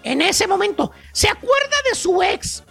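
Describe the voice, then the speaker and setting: Brief: shrill gravelly Mexican comic professor, slangy and rambling, radio comedy bit. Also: male voice, big pitch swings, moderate pace, bright, forceful tone, soft background music, heavily acted. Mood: storytelling. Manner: rambling, slangy, keeps saying "güey" and "fíjate nada más". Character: squeaky-voiced male joke professor lecturing on rustic types. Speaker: comedy segment presenter.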